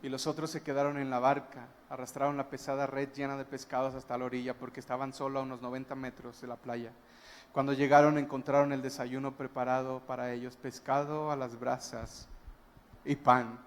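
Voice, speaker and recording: A man's voice: mid-range voice, flat delivery, a little fast. A man preaching a sermon as a guest pastor, retelling a story emphatically and breaking into wondering exclamations.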